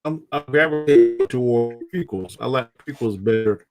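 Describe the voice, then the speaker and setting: A man on a video call talks in a halting, casual way, repeating words as he goes. His audio comes through robotic and metallic, with a glitchy internet sound. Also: mid-range voice, a little mellow, faint music behind. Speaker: livestream co-host. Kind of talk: casual chat.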